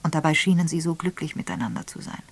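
A woman reader voicing a calm, gentle woman who speaks softly and hushed. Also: low-pitched, fast talker. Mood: sober. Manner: soft, hushed, breathy. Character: composed woman, gentle and sober.

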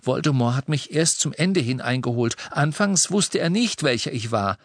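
A man's voice: medium pitch, expressive, moderate pace, no room sound, clean studio sound, pitched above the performer's own voice. A man voicing a shaken, defiant teenage boy wizard arguing his case. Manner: defiant, agitated pleading.

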